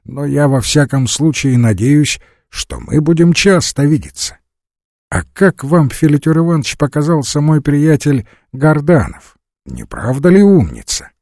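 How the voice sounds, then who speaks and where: A man reading an audiobook voices an eager, fussy young gentleman who pleads effusively with his guests. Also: a little high, sing-song, a little slow, dry recording, studio quality, pitched above the performer's own voice. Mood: pleading.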